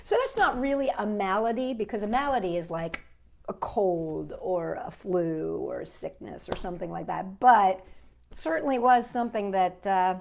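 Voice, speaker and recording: Talking straight to young children, a woman hosts a playful storytime with reading and sing-alongs. Her voice is mid-range and darkish with vocal fry, delivered at a moderate pace.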